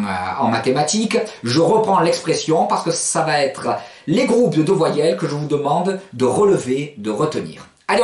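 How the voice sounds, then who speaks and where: A man giving a spoken pronunciation lesson, explaining letters and sounds clearly and patiently. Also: a little high. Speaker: language teacher. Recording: echoey room.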